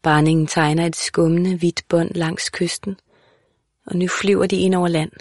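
A woman reads a literary audiobook in a calm, measured voice that sits a little low. The sound is dry and close, with no room around it. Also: dry recording. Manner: calm, measured, even reading. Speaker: audiobook narrator. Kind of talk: scripted literary narration.

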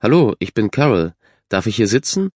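A man's voice: lowish voice, sing-song, normal speed, darkish tone, dry recording, clean studio sound. A man voicing a self-assured, friendly young girl who stands up for others. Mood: confident. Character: confident, kind young girl, team captain.

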